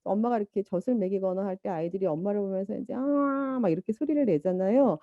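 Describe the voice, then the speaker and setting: A woman giving a lecture, lively and animated, now and then imitating baby babble and a mother's talk. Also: medium pitch, very fast, no room sound, narrow, tinny audio. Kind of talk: university lecture.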